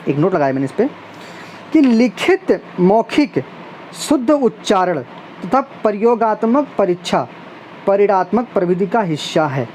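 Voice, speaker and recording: A woman's voice: mid-range voice, mellow. A woman teacher reads out multiple-choice test questions and their options, then explains which answer is right, with a faint hiss behind her. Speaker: exam prep teacher. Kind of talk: reading and explaining quiz questions.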